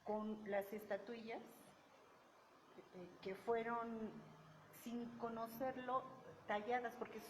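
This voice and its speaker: A middle-aged woman chatting casually about books with friends, unhurried and hesitant. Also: a little high, level tone. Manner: unhurried, hesitant, many fillers. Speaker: book club co-host. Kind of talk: casual book chat. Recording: echoey room with noise.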